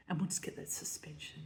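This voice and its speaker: A woman composer giving a lesson on setting words to music, explaining her ideas as she thinks them through and often checking in with her listeners. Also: warm tone. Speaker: composer teaching text setting. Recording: roomy space with long reverb.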